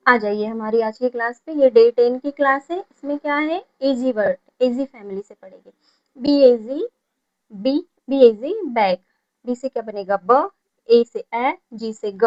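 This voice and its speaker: A woman's voice: high-pitched, darkish tone, dull audio. A woman teaching a beginner phonics lesson, spelling out each word letter by letter, repeating it, and answering her own questions. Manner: asks questions then answers them herself. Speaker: English teacher.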